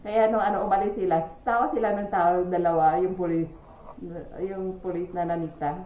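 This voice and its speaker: Chatty Filipina vlogger with echoey lo-fi sound. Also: female voice, lowish voice, fairly even intonation, a little fast, slight background noise. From Philippines. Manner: chatty, gossipy storytelling with frequent exclamations and laughs. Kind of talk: casual chat to viewers. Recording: echoey, dull lo-fi with faint ambience.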